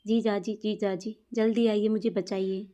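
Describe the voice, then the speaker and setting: A woman's voice: mid-range voice, little pitch movement, unhurried, mellow, lightly acted. A woman reading as a flirty teasing sister-in-law. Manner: playful, teasing.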